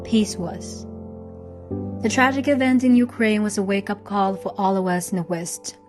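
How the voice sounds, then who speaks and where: Woman narrating over loud music. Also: medium pitch. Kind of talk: scripted video narration.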